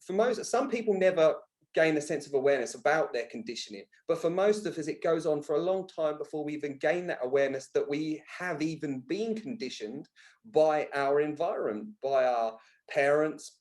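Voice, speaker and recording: A man in his thirties, his darkish voice on the high side with lively intonation and a moderate pace, is a guest on a podcast. In this conversational personal-development interview he speaks earnestly and emphatically, often repeating words for emphasis.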